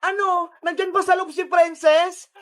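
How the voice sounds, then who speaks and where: Brief: extremely high cartoon voice, frantic, shouting for help. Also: little pitch movement, unhurried. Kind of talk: cartoon voice acting.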